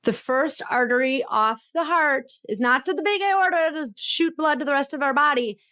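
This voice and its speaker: A woman's voice: sits high, moderate pace, sharp tone, no echo, studio quality. A middle-aged woman, a physician and coach, giving emphatic advice in a podcast interview and acting out quoted inner voices.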